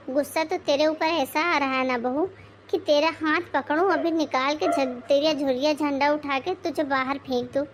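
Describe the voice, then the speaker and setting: A woman voicing a bossy, sarcastic mother-in-law in her forties in an animated moral story, scolding and mocking. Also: high voice, slight background noise. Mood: angry.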